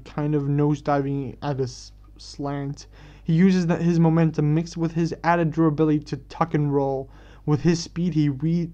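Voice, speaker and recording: Man narrating a fan story, slightly high voice, mellow tone, stumbles and restarts, dull lo-fi sound. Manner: stumbling restarts and self-corrections. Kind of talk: reading a fan story aloud. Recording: dull lo-fi recording.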